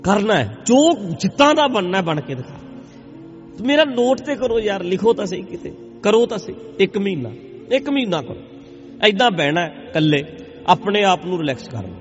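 A man's voice: sits high, very animated, moderate pace, big-room sound, muffled recording, faint music behind. A man giving a spoken sermon, exhorting listeners with lots of repetition and direct appeals. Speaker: motivational speaker.

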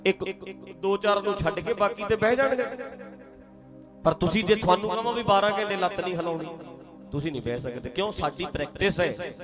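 A man from Punjab in India preaching a Sikh sermon to a congregation, lively and teasing, throwing rhetorical questions at his listeners. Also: sits high, fairly quick, over music.

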